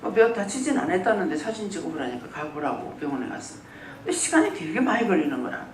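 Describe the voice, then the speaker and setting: A pastor preaching a sermon in a church, telling stories and acting out what people said. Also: quick pace. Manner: lively storytelling, acts out quoted speech. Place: church sanctuary. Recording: roomy church hall, mic at a distance, faint rumble.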